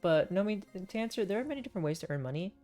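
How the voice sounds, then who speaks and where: A woman casually commentating as she hosts a game livestream, playful and often halting as she thinks aloud. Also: mid-range voice, lively intonation, mellow, soft background music. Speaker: game streamer hosting a viewer voting game.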